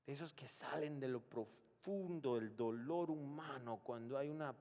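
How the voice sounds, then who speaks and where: A male pastor preaching a sermon, telling a story dramatically, dropping to a hush and then rising to shouts. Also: medium pitch, measured pace, in a large hall. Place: church.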